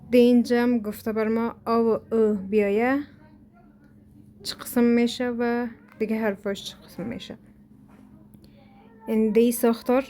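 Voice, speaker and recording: Female language teacher, Afghan Dari accent, slightly high voice, patient step-by-step textbook explanations. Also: darkish tone. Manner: reads examples aloud, then explains slowly step by step. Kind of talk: recorded textbook lesson.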